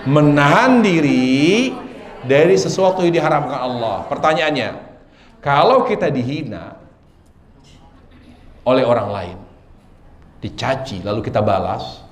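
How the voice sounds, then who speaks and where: A male preacher delivers a sermon with a lively, swooping voice that sits high for a man. He keeps turning to his listeners with questions. His voice rings through a roomy, echoing hall. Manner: animated, asks the audience questions. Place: lecture hall with audience. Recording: echoey hall.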